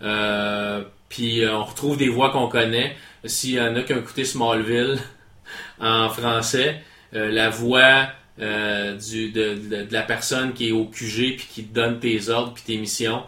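A man with a Quebec French accent hosts a casual podcast and reviews a game in a chatty, animated way. His voice is bright and forward, and it rings in an echoey room. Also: on the low side, a little slow.

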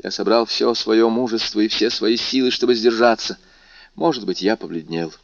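A man narrating a novel aloud in a measured, dramatic reading. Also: fairly low pitch, fairly even intonation, creaky, dry recording, lo-fi sound. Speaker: audiobook narrator. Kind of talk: scripted narration.

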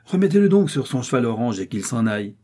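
Brief: male narrator doing a smug, disdainful gentleman, ironic and unhurried, husky mellow tone. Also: medium pitch, sing-song. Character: insolent, mocking gentleman, calm and disdainful.

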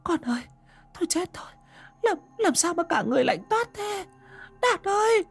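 A woman's voice: extremely high pitch, sing-song, normal speed, gravelly, soft background music, heavily acted. A woman voicing a heavy, grief-stricken village mother who wails and sobs frantically while crying. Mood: frantic wailing. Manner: wailing, sobbing, frantic.

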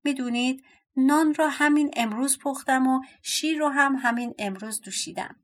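A woman voicing a polite, clever young village girl in a storybook reading, speaking gently and carefully. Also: sits high, pitched above the performer's own voice. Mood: calm.

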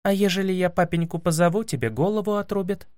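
Storybook casting: a petulant, weepy young princess, played by a man, raised pitch, whiny. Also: quick pace, darkish tone, dry recording, clean studio sound, lightly acted. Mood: sniffling. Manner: whiny and sobbing. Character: tearful, spoiled young princess, petulant and sharp.

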